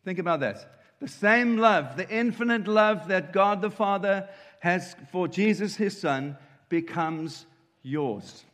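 A man preaches with earnest emphasis, repeating his key lines. His voice sits fairly high for a man. It rings through a church hall with long reverb. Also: lively intonation, slow pace, fairly bright tone. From South Africa. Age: 50s. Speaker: guest preacher. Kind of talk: sermon with live interpreter.

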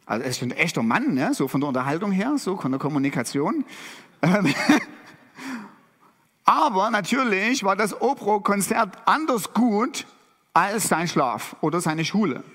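A middle-aged man preaching a sermon, lively and animated, with dramatic emphasis on key phrases. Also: high-pitched, a little slow. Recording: long hall reverb.

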